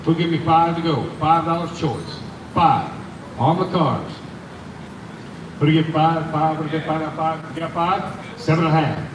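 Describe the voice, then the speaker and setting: A man's voice: fairly high pitch, steady tone, moderate pace. A man working as an auctioneer, calling bids in a repetitive sing-song chant. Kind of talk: live auctioneer chant, rattled-off repeated bids. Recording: roomy, distant, noisy live auction recording.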